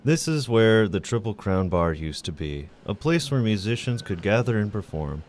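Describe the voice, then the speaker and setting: A man reporting a student news story in measured, scripted narration. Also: fairly low pitch, a little hiss or hum. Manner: measured, even news delivery.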